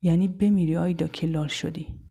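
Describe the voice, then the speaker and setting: A proud, cold older man from an audio storybook, voiced by a woman narrator. He speaks slowly in a thick, husky, manly tone, curt and mocking, and rarely softens. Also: on the low side, steady tone.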